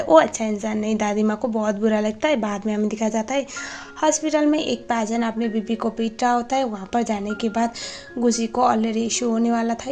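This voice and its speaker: With a fairly high, darkish voice touched by vocal fry, a woman casually recaps a drama series. She retells scenes and quotes the characters' lines in her own voice.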